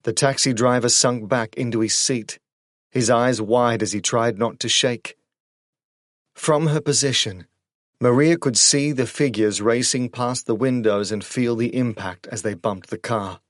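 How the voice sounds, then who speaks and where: A man narrating a horror audiobook in a measured, suspenseful storytelling manner on a close studio microphone. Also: medium pitch, no echo.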